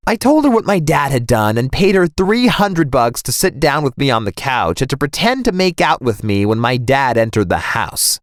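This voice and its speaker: A young man narrating a first-person animated story in a dramatic, scripted way. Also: on the high side, no echo, clean studio sound.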